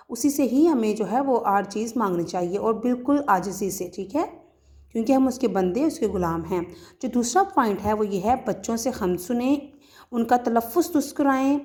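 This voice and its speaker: A woman's voice: mid-range voice, a little mellow. A woman school teacher from Pakistan giving a recorded lesson to children, patiently explaining word meanings with fillers and restarts. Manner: patient explaining with frequent fillers and restarts, recites poetry in a measured lilt.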